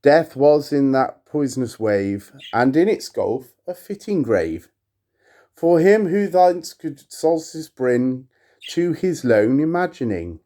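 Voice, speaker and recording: Very animated and warm, a mid-range male voice delivers a theatrical poetry reading in his own video. He lingers dramatically over each line of verse while keeping his hosting wry, playful, and self-deprecating.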